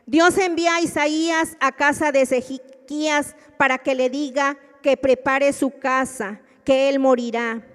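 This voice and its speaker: A woman's voice: sits high, fairly even intonation, measured pace, few pauses, in a large hall. A woman preacher with a Mexican Spanish accent, delivering an earnest sermon and retelling scripture with dramatic emphasis.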